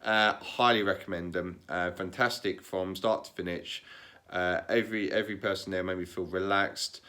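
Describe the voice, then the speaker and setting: A man talking in a casual, candid vlog, calm and matter-of-fact, often repeating words and restarting sentences. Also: low voice, moderate pace. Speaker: vlogger.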